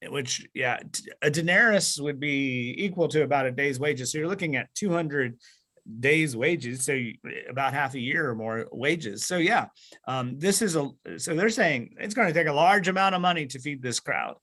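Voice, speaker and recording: A man's voice: a little high, lively intonation, moderate pace, pushed and bright. Man leading a Bible study over video call. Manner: explains with many fillers and restarts, asks the group questions.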